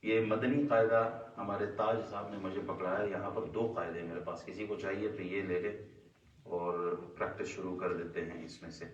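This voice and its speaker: A man's voice: deep voice, steady tone, moderate pace, far from the mic, lo-fi sound, slight background noise. Man teaching a class in an echoey room. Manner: questions the class and answers himself, stretches sounds to demonstrate. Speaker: Quran recitation teacher.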